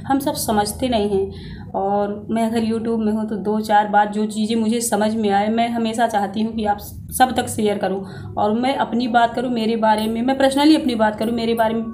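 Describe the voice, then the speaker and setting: Earnest woman vlogger with a mellow voice. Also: fairly high pitch, steady tone, moderate pace, slight background noise. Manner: earnest and preachy, with rhetorical questions to viewers. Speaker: vlogger giving life advice. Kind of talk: casual motivational talk to camera. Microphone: phone.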